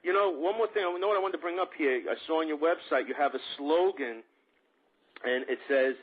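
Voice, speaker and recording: A man's voice: fairly high pitch, fairly quick, breathy edge. A man hosting a radio talk show, asking questions in a conversational, reactive way. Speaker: radio host. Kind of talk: radio interview. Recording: tinny phone-like radio sound.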